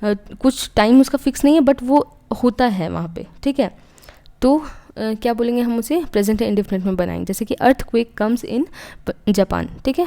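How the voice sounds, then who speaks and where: A woman's voice: fairly high pitch, mellow. A young woman teaching an English grammar lesson for exam prep, explaining step by step and asking and then answering her own questions. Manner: often says "ठीक है" between points.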